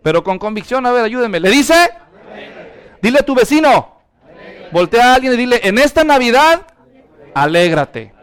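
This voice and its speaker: Pastor with a high, clear voice. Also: male voice, moderate pace, pauses often. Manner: animated, urges the congregation to respond aloud. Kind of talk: sermon.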